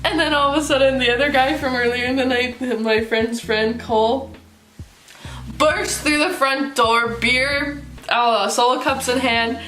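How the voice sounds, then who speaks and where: Young female vlogger, slightly high voice, laughs through a chatty storytime, echoey room with faint music. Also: a little slow. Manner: giggly, laughs through the story, heavy use of "like"; acts out other people's lines in animated voices. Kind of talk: casual storytime while getting ready.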